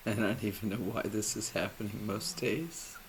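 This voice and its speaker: A man speaking a personal monologue, halting and emotional, often dropping to a near whisper. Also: on the low side, steady tone, a little hiss or hum. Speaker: vlogger.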